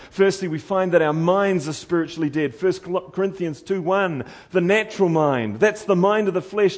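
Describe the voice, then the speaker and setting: A New Zealand man with a Kiwi accent preaches a sermon earnestly, pleading with listeners as he climbs to loud urgency and sinks back to quiet intensity. His voice is fairly high.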